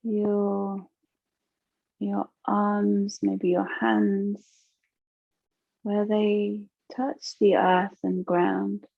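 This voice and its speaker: Guiding a yoga nidra relaxation, this woman speaks gently and soothingly without hurry, leaving long pauses. Her mid-range voice carries vocal fry and a flat delivery, and the audio is narrow and tinny with no room sound.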